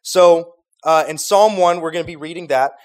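Slangy, ironic young male youth preacher, higher voice. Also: normal speed. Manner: jokey, ironic Gen Z slang delivery with mock-serious emphasis. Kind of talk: casual, slangy sermon.

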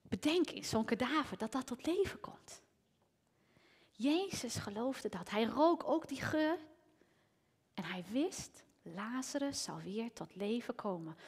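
Woman preaching, higher voice, swings from loud calls to whispers, big hall echo. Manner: lively, rising to near shouting, dropping to whispers. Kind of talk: sermon. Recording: long hall reverb.

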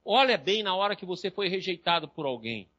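Brazilian guy lecturing a class, high bright voice, dry dull-ish recording. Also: fairly quick, no room sound. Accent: Brazilian Portuguese. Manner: lively storytelling, acts out patients' voices.

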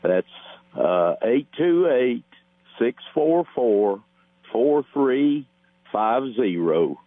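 A man on a narrow, tinny phone line, talking slowly and plainly. He pauses often with small fillers as he lists what he has. A faint mains hum sits under the dry line. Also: mid-range voice, big pitch swings, dry recording. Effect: heard over the phone. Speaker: caller. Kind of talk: call-in classified listing.

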